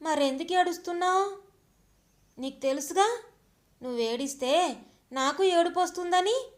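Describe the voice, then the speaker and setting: Woman as loving grandmother, high, soft, coaxing; storybook reading. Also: a little slow. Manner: soothing, coaxing. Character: caring grandmother, soothing and gentle.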